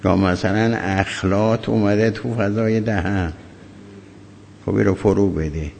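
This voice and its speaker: A deep, gravelly man delivers a religious law lecture, measured and halting, often stopping mid-thought. His voice rings with a long hall echo over a faint hum of ambience. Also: steady tone, darkish tone. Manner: measured, halting lecture with many pauses and fillers. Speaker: cleric teaching jurisprudence.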